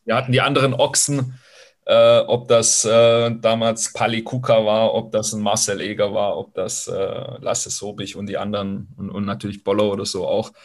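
A former professional footballer in his forties, from Swabia in Germany with Italian roots, gives reflective interview answers in a lowish voice with little pitch movement at a moderate pace. He sounds thoughtful and hesitant, using frequent fillers.

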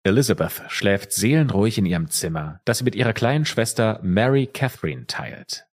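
Low husky-voiced man narrating true crime. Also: very animated, moderate pace. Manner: storytelling, easygoing asides. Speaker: podcast co-host.

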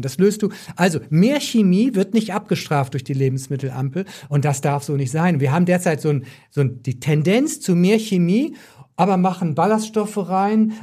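A man's voice: fairly high pitch, mellow. A man explaining as an expert in podcast conversation, emphatic and opinionated, repeating points for stress. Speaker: nutrition doctor, podcast expert.

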